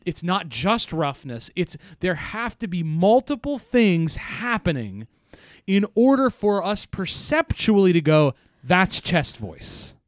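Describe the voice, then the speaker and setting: Man, somewhat high voice, smooth and clear, dry close sound, explains technical ideas, restarts often. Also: sing-song, unhurried, no room sound. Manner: thinks aloud, restarts, explains terms. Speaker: podcast co-host, voice science. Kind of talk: casual technical discussion.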